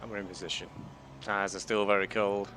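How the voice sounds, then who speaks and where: A man's voice: on the low side, little pitch movement, fairly quick. A man giving casual running commentary on his own sim race as he drives. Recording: car engine noise behind.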